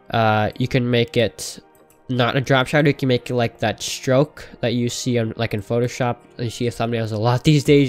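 A man with a nasal, pinched-nose voice casually narrating a software tutorial in an informal, enthusiastic way. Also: mid-range voice.

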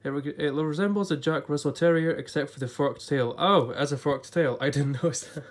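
A slightly high, brisk male voice belongs to a YouTuber reviewing an illustrated book, his voice a little off from recent sickness. Sitting at a table in front of a blue backdrop, he flips the pages and chats casually, thinking out loud.

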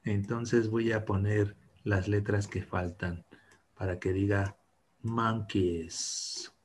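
A man's voice: on the low side, level tone, takes it slowly, a little mellow, breathy edge. A man teaching English to children in an online class, patient and encouraging, mixing English and Spanish. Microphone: video call.

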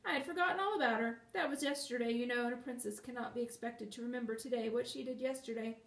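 A woman voicing a haughty, vain princess who is quick to fury, with an imperious, shrill manner, recorded in a roomy space from a distance. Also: level tone, close to an everyday voice. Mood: airy.

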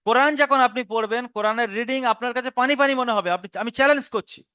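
A high-pitched man with a Bengali accent walks learners through a Quran reading lesson one careful step at a time. His voice is smooth and resonant, recorded close and dry with no room sound. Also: bright, forceful tone, dry recording. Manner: patient step-by-step explanation, spelling out syllables slowly.

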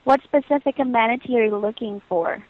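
This hotel booking agent has a fairly high voice and talks a little quickly, with no room sound. She stays polite and patient on a telephone line, sticking to formulaic service wording, and the call sounds muffled and lo-fi.

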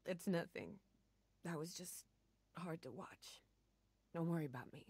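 A woman's voice: fairly low pitch, lively intonation, a little slow, darkish tone, breathy edge, heavily acted. An actress playing a guarded, stoic woman survivor in a video game drama. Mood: guarded, curt.

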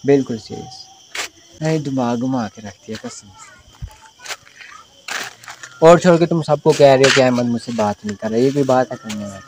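A man's voice: medium pitch, normal speed, long pauses, noisy background. A young man from Pakistan chatting casually in a village vlog, then signing off to viewers. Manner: excited, laughing, talks over friend. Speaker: vlogger.

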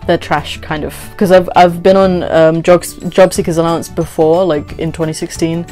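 A woman in her twenties, a vlogger, chats casually from a small indoor bedroom, telling a story and acting out conversations with quoted dialogue and plenty of "like." Her voice sits on the low side and moves at a moderate pace, with faint music playing behind her.

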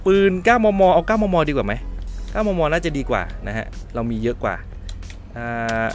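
A man hosting a let's play, giving polite, chatty running commentary and often shouting out in surprise. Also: mid-range voice, faint music behind. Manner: excitable, quick to shout in surprise. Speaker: gaming channel host.

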